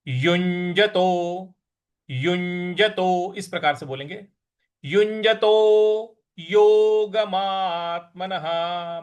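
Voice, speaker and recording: A man teaching Sanskrit verse recitation, chanting lines slowly and then explaining pronunciation quickly. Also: sits high. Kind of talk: recitation lesson.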